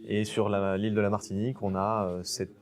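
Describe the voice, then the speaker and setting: A man's voice: fairly low pitch, little pitch movement, a little fast, darkish tone. A man from French Guiana, a nature photographer, talking casually in an interview with many fillers and restarts.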